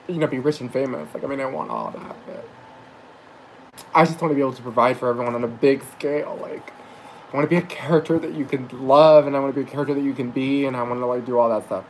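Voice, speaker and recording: A young man talks to camera in a loose, meandering vlog monologue, hopping between asides and filler words. His voice sits at an everyday middle pitch, and faint background noise is audible. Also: fast talker, low-quality recording. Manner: rambling, chatty, full of fillers and asides. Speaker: aspiring actor and rideshare driver vlogging.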